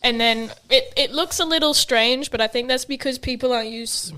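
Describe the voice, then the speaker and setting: A woman's voice: sits high, normal speed, bright, forceful tone. A teenage girl, co-hosting a casual podcast chat, chatty and blunt with friendly teasing. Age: teens. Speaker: podcast co-host.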